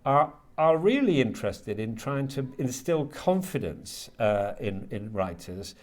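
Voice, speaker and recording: Very animated in a mid-range voice, a university creative writing lecturer reflects during an interview. His delivery is hesitant and halting with repeated words, and he thoughtfully circles toward what he means.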